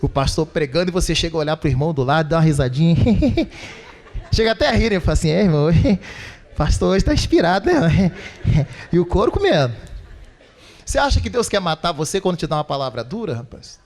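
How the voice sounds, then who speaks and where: Middle-aged male pastor, high voice, quick lively sermon delivery, mimics voices, rhetorical questions. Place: church.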